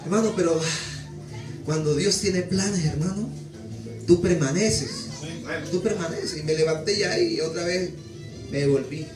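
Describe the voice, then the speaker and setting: Male preacher, high voice, heartfelt testimony style, picked up from a distance with music underneath. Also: normal speed, reverberant. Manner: emotional, keeps addressing listeners as "hermano". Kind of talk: sermon testimony. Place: church.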